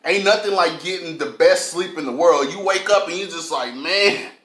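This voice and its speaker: High-pitched, bright-voiced man chatting casually. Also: normal speed. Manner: animated, slangy, punctuated with catchphrases. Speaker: host of an eating show. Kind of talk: casual mukbang chat to camera. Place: home kitchen, indoors. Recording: echoey kitchen room sound.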